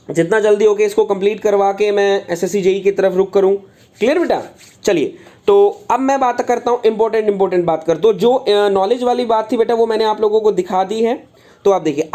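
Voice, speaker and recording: A man's voice: sits high, mellow. A man teaching a live online engineering class. He speaks in a fatherly way, calls his students "beta", repeats his phrases and answers chat comments aloud. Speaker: engineering exam tutor.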